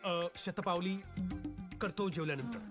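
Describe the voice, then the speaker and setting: An actor playing a quick-witted young man who stalls with fillers while covering for his friend, in a film comedy. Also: high voice, in a large hall. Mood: stalling. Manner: hesitant, stalling with fillers, then smooth-talking. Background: film score music.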